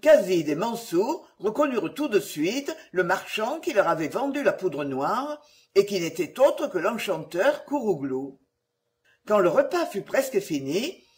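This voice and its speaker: A storybook narrator reading a fairy tale aloud. The reading is expressive, and the pitch moves a lot, with a middle-pitched voice.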